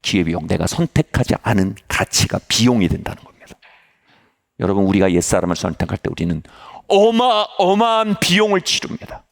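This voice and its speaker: A man's voice: low voice, fast, gravelly. A man preaching a sermon as pastor, telling a personal story and acting out the voices in it. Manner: animated, acts out quoted dialogue.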